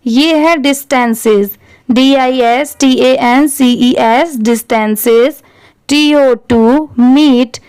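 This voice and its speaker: Lady teacher spelling words out one letter at a time, really slow, crisp clean voice, dry sound. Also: high voice, darkish tone, no echo. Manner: spells words letter by letter, then repeats them. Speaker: English reading teacher. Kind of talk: slow spelling-out reading lesson.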